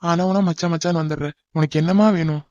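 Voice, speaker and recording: A man's voice: fairly high pitch, steady tone, fast, a little mellow, dry recording. A man with a Tamil accent voicing a cartoon hero, exasperated and pleading. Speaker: voice actor in a cartoon. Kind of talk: animated cartoon dub acting. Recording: dull dry lo-fi recording.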